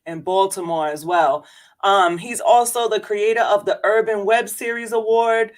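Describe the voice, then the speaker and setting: At a normal speed and medium pitch, a woman podcast host chats with her guest in a casual interview. She's cheerful and chatty and laughs easily.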